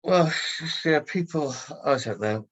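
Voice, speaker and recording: A man's voice: on the high side, animated, slow, lo-fi sound. A man talking casually on a podcast, airing a grievance in a blunt, rambling way with heavy swearing.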